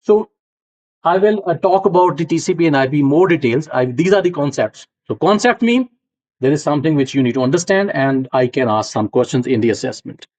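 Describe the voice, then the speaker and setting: This university lecturer, a middle-aged man from Punjab, has a Punjabi accent and a fairly high, expressive, slightly mellow voice. He takes students through concepts one step at a time, often pausing to make sure they're following along in this classroom lecture. The recording sounds dull and lo-fi.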